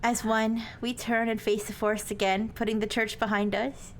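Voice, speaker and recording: A woman voicing an earnest young woman in a paranormal romance visual novel, reading in a soft, solemn, dramatic way. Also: little pitch movement, moderate pace, natural voice. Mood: solemn, tender. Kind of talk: visual novel read aloud. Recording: noisy, low rumble behind.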